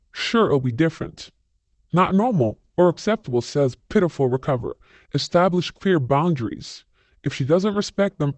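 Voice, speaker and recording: A male channel host with a slightly high, darkish voice reads viewer comments aloud, breaking in with blunt, scornful verdicts of his own. He sounds opinionated and dismissive. The recording is dry and close, with no echo or room sound.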